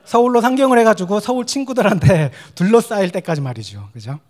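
A young man from Korea with a Gyeongsang accent, giving a lively, humorous sermon as a junior pastor and slipping into English phrases. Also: sits high, brisk. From South Korea. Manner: animated, mixes English phrases, acts out dialect quips.

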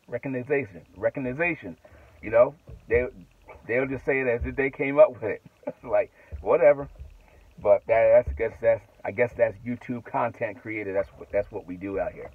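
A man's voice: medium pitch, slightly rough, no room sound, narrow, tinny audio. A middle-aged man vlogging from inside his truck cab at night, talking in a rambling way with restarts and asides. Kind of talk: casual monologue to camera.

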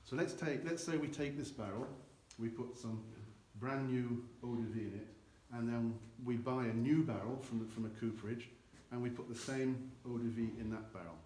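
In a dim barrel warehouse with an earthen floor, an older guide explains cognac aging at a normal speed and with hardly any pauses. His mid-range voice is a little mellow, and he gestures with both hands as he talks. The clip is from a camera a few meters away, echoey with faint noise.

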